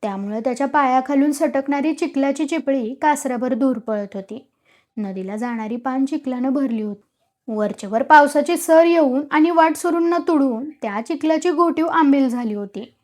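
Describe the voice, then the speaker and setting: A woman's voice: high-pitched, normal speed, darkish tone. A woman storyteller reading a village story aloud with dramatic, vivid narration.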